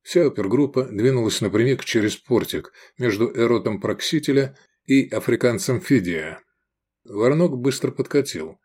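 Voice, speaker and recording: A man's voice: medium pitch, moderate pace, husky. A man narrating an adventure novel aloud as an audiobook, switching into voices for the characters. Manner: lively storytelling, voices the characters. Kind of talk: scripted narration.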